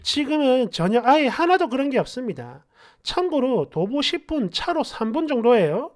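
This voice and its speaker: A woman's voice: high-pitched, very animated, moderate pace. A woman reading a story aloud in an indignant, confiding way. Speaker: story narrator.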